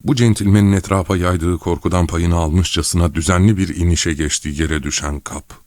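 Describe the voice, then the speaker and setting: A man reading a novel aloud as an audiobook narrator, steady and measured. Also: deep voice, no room sound. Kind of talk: scripted narration.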